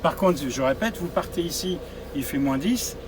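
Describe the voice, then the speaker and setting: A driving instructor presents a coach to a group of drivers, explaining its controls practically and repeating his advice. His voice is a little high and animated at a moderate pace, recorded inside the coach with the outdoors nearby and a noisy background.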